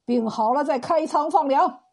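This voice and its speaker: Woman doing a loud, greedy rich landlord. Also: high-pitched, moderate pace. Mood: blustering.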